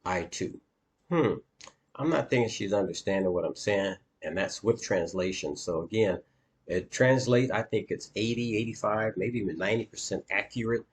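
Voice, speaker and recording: Man, very low voice, dating coach, screen-share walkthrough, halting, filler-heavy.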